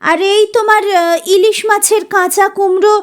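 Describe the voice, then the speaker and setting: A woman's voice: very high-pitched, fairly even intonation, normal speed, pitched above the performer's own voice. A woman doing a scolding, harried mother. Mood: snapping. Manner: scolding, exasperated. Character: harried, short-tempered mother cooking in a kitchen.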